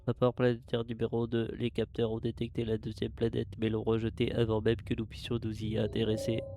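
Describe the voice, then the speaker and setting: A man voicing a spaceship's log in a put-on robot voice, monotone and formal, reading log entries aloud. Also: lowish voice, soft background music. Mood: solemn. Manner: monotone, measured, formal delivery. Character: flat robotic voice of a spaceship log, human crew. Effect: robot voice put on by mouth, no filter.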